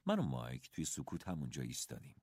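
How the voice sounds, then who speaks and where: Expressive male audiobook narrator. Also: extremely low pitch, vocal fry, husky, no room sound, clean studio sound. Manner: expressive storytelling in the first person.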